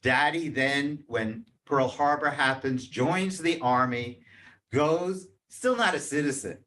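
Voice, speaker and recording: A man's voice: mid-range voice, takes it slowly, fairly bright tone. An older man giving a talk and telling his family's history in a conversational, storytelling way with frequent asides. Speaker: guest speaker.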